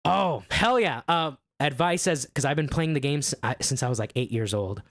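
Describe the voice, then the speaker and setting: A young man chatting casually as a guest, excitable, swearing freely and laughing often. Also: fairly high pitch, normal speed, no room sound. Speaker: guest musician and streamer. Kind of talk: casual podcast chat.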